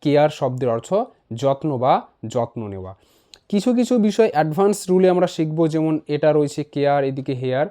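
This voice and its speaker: In a voice-over English pronunciation lesson, a man spells each word out letter by letter and then repeats it slowly. His voice is fairly high, animated and mellow.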